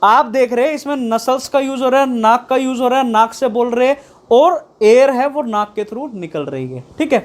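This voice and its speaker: A woman's voice: fairly high pitch, expressive. A woman teaching a video lesson, stretching out each example sound and checking in often with the listener. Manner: drawn-out sounding of letters, frequent "theek hai" checks. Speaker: shorthand teacher.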